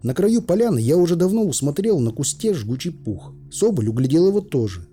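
A man reads an adventure audiobook in a dark, husky voice with a lively, rising and falling pitch. His telling is weary and dryly ironic, and faint music plays beneath him. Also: fairly quick. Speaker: audiobook narrator. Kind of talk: audiobook narration with character voices.

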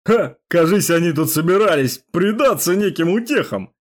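A man voicing a coarse, dim-witted male police thug who talks crudely and haltingly in an audiobook. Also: high voice, animated, voice pushed up. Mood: leering. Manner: crude, hesitant, loud.

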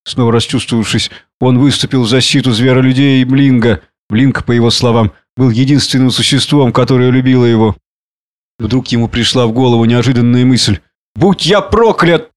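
Casting: male audiobook narrator, steady, mid-pitched storytelling. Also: brisk, no echo, studio quality.

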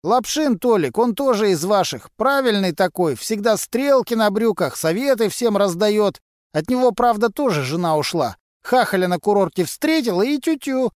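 Performing an audiobook character, a man gives a cocky mechanic a high voice above his own natural pitch, slightly mellow, with lively intonation at a normal speed. The mechanic is brash and mocking and speaks in thieves' slang, and the studio-quality recording is dry.

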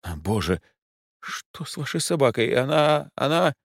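A fussy, haughty rich woman, voiced by a male narrator, snaps orders in a raised, swooping pitch. Her tone is imperious and she spooks easily. The recording is dry and close. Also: lively intonation, no echo, close to an everyday voice. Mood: frightened. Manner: shrill, imperious, quick to panic.

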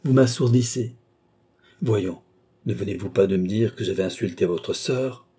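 Man voicing a haughty tired count, audiobook, disdainful, calm, low-ish husky voice. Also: normal speed. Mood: impatient. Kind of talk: audiobook character reading.

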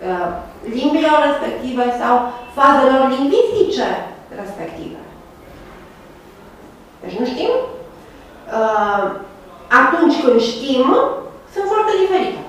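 A woman's voice: on the high side, slight background noise. Woman lecturing in an echoey hall. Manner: hesitant, frequent uh fillers, checks with "da?". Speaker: university lecturer. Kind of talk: academic lecture. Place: lecture room. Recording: echoey room from far off.

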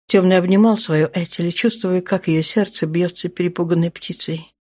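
Brief: female audiobook narrator, slightly low voice, measured and even. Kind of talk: scripted novel narration.

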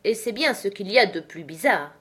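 A woman's voice: medium pitch, animated, a bit bright, husky. A woman voicing a fussy, respectful male rabbit courtier in a storybook reading, in a raised, eager voice. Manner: deferential, quick, fussy.

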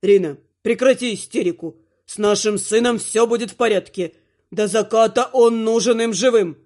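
A woman voicing a stern male dark lord who speaks calmly and firmly. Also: fairly high pitch, moderate pace, voice pushed down, close to an everyday voice. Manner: strict, soothing to his wife.

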